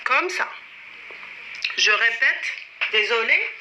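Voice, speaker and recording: A woman teaching French to young children in a slow, drawn-out way, counting strokes aloud and having the class repeat after her. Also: fairly high pitch, lively intonation. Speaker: primary school French teacher. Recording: dull lo-fi recording with clear background noise.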